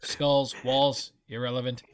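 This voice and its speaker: A man voicing a cold, dismissive male robot critic while playing a video game, speaking slowly in a flat, clipped way. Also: mid-range voice, smooth, faint music behind, close to an everyday voice. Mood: mechanical. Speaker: let's play co-host.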